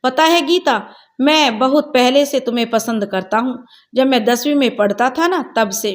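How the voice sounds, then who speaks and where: A woman voicing an earnest young man who speaks softly and pleadingly to the girl he loves, in a storybook reading. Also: extremely high pitch, normal speed. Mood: tender. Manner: soft, pleading and affectionate.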